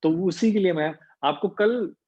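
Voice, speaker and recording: A man's voice: darkish tone, slightly rough. Man coaching voice over lo-fi audio. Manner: mixes Hindi with English, demonstrates pitch with hums and slow pauses. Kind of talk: online voice training class.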